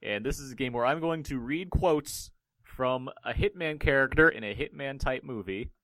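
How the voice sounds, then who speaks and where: A man's voice: mid-range voice, normal speed, fairly bright tone, no room sound. A man hosting a casual podcast, playful and running a movie quote quiz. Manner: playful, reads quotes in put-on impressions. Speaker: podcast host.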